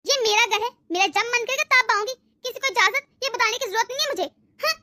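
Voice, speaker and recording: A woman voicing a sharp-tongued, spiteful grown daughter in a cartoon, taunting and bossing her family around. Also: very high voice, fast talker, no room sound. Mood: scolding. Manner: scolding, taunting, demanding. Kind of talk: Hindi cartoon voice acting.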